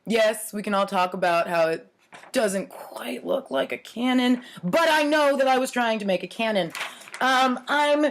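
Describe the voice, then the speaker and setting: Indoors in her home kitchen, a woman in her forties hosts a comic storytime vlog, reading and remarking on things she wrote as a child. Her voice is on the high side and lively in intonation, unhurried, with a little hiss or hum. Her manner is casual, playful, wry and mock-earnest.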